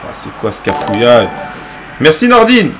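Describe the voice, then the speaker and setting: A man's voice: medium pitch, huge pitch swings, moderate pace, music in the background. A young French man streaming live gameplay, groaning, swearing and bantering with chat as he plays. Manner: exasperated, swearing, groaning at the game. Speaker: gaming streamer.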